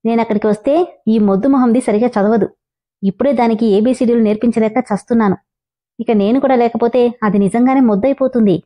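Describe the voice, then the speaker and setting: A woman's voice: on the high side, fast, mellow, natural voice. A woman voicing a bossy young boy who scolds but looks after a little girl, in a storybook reading. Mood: scolding.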